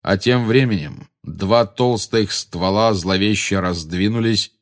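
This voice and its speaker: A man narrating an audiobook with steady, dramatic storytelling. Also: on the low side, measured pace. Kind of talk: scripted narration.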